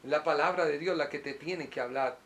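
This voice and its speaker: Impassioned pastor, man, fairly high voice. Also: slight background noise. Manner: impassioned, swings from loud urging to soft, slow confession. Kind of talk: sermon. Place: small apartment set up as a studio.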